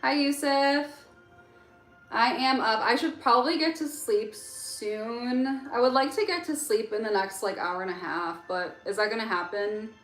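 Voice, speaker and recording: Fairly high-pitched and a bit bright, this young Egyptian-born host speaks at a measured pace during a late-night livestream. She casually answers viewers' chat questions with many fillers, and the recording carries roomy echo and faint music.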